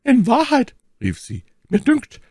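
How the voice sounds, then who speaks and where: A man's voice: high voice, huge pitch swings, moderate pace, a little mellow, breathy edge, dry recording, studio quality, voice pushed up, exaggerated voice. A man voicing a cold, scheming young noblewoman with a cutting, mocking tone in an audiobook. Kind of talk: audiobook character voice.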